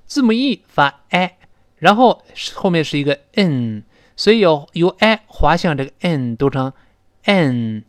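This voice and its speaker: A man teaching English pronunciation, explaining sounds and slowly drilling words aloud. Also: a little high, very animated, no room sound, clean studio sound. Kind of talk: pronunciation lesson.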